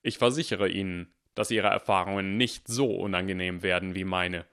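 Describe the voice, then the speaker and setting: A man voicing a stern, cunning male teacher who speaks calmly, deliberately and firmly. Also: low-pitched. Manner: calm, deliberate and firm.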